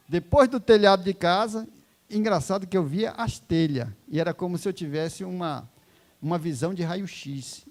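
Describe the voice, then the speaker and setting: Guy preaching in church, high voice with lots of gravel, goes from whispery soft to loud and fervent. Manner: dramatic swings from hushed to loud; fervent, exclaiming. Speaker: preacher giving a testimony. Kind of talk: emotional sermon testimony.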